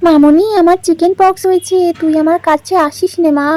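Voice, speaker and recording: A woman's voice: very high voice, steady tone, a little fast, warm tone, no room sound. A woman voicing a sick, worried village mother who frets and sighs her complaints in a doll story. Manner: fretful, sighing complaints.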